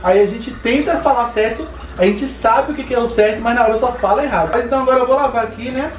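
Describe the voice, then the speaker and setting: A man's voice: very high-pitched, fast talker, slight background noise. A young man with a Bahian accent, chatting casually and teasingly to viewers as he hosts a home cooking vlog. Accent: Bahian Brazilian Portuguese. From Bahia, Brazil. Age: young adult. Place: home kitchen, indoors.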